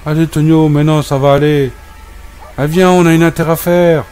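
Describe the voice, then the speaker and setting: A man's voice: a little high, steady tone, normal speed, darkish tone, clean tone, soft background music. A man giving comic role-play commentary over gameplay, scolding and exasperated in a joking banter. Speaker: gameplay video creator.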